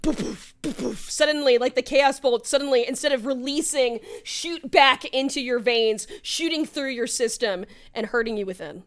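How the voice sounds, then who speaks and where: High-voiced excitable woman game master. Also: moderate pace, hardly any pauses. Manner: excitable, laughing often, dramatic narration. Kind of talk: narrating a tabletop role-playing game.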